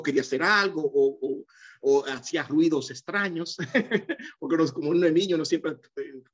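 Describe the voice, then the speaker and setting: Man, Dominican accent, middle-aged, hesitant with many fillers, slightly high pitch, dull lo-fi recording. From Dominican Republic. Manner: hesitant, full of repeated "eh" fillers and restarts. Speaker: interview guest, economist. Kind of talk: casual life-story interview.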